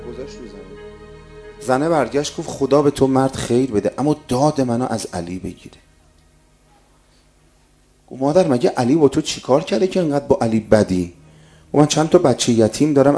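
A man preaching a sermon, moving from loud exhortation to hushed retelling of a story. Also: medium pitch.

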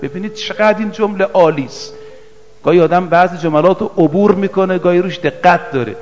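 A man preaching a sermon, reciting scripture slowly in a half-chant and then explaining it in plain, casual speech. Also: high voice, a little mellow, big-room sound, muffled recording, soft background music.

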